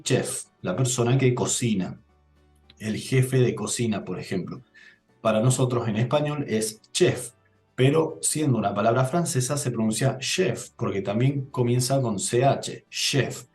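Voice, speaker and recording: A man's voice: medium pitch, a little mellow, reverberant. Methodical man teaching a grammar lesson. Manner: methodical, explains step by step, checks with "¿sí?". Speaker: Italian teacher.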